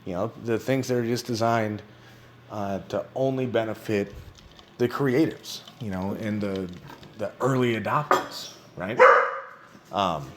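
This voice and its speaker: A man's voice: on the low side, measured pace, background noise. A man speaking off the cuff in a casual, conversational explainer style, peppered with "you know". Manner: informal, conversational, frequent 'you know'. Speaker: presenter explaining a crypto project.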